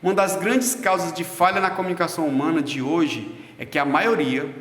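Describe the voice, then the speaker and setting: Male lecturer, slightly high voice, explanatory with fillers, echoey room. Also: fairly even intonation, normal speed, a bit bright. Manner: explanatory, with frequent fillers and restarts. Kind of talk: recorded class lecture.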